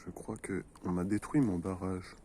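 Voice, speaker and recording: A man's voice: low-pitched, fairly even intonation, moderate pace, warm tone. A man vlogging outdoors in a snowy forest, joking with viewers in a mock-formal explorer manner. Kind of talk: playful mock-explorer commentary. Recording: noisy outdoor recording.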